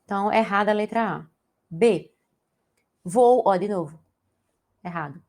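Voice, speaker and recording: Young brazilian woman teacher, bit of a gravelly fry, walks you through grammar asking "ok? tá?". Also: medium pitch, a little slow, a little mellow. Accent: Brazilian Portuguese. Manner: explanatory, asks the class to check in with tag questions. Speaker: Portuguese teacher. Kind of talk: exam-prep grammar lesson.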